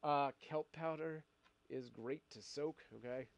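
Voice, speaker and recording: A middle-aged man with a slightly high voice hosts a casual live stream at a measured pace, battling a cold as he reads viewer comments. He rambles, laughs often, and fills his talk with fillers and restarts.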